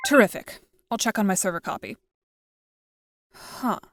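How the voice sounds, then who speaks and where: Over background music, a woman performs a composed, wry, articulate teenage girl in an audio drama, her wording formal, dry, and measured. Her voice is medium in pitch and close to how she'd normally speak.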